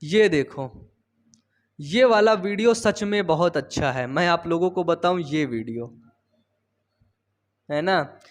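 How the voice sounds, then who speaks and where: A man's voice: fairly high pitch, slow, pauses often. A young man teaching biology in a loose, chatty way, drifting into personal stories and checking in with tag questions. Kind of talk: informal Hindi class lecture. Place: home studio.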